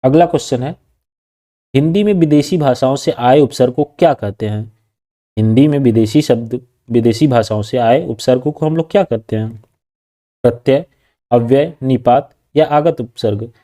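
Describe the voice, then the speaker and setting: Man, teacher, exam practice lesson, mellow tone, reads out questions and options, repeats the right answer. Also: mid-range voice, moderate pace.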